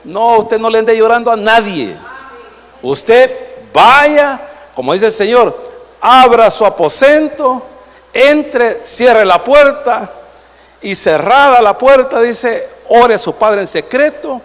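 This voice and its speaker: A man delivers a sermon in a church, his high voice rising and falling as he puts questions to the congregation. His voice swings widely in pitch. A long reverb from the sanctuary trails every phrase. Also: slow pace. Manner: animated preaching, rhetorical questions to the congregation. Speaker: pastor.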